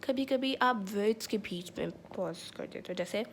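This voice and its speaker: A woman's voice: medium pitch, moderate pace, slight background noise. A woman giving a casual medical lecture with a slightly sore throat, chatty and checking in often with her listeners. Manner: chatty, mixes English terms, repeats "theek hai".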